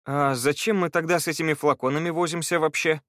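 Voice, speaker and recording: Male reader playing a worn-out young wizard, grumbling and quiet, dry close recording. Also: fairly high pitch, fairly even intonation, fast talker, no room sound, voice pushed up, lightly acted. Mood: weary. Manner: grumbling, weary.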